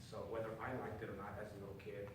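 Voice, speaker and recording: An upbeat, earnest middle-aged man from Chile answers interview questions, often restarting his phrases. He is picked up by a distant mic in a very echoey studio with an audience. Noise hangs clearly behind him. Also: lowish voice, completely flat delivery, very fast. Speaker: guest author.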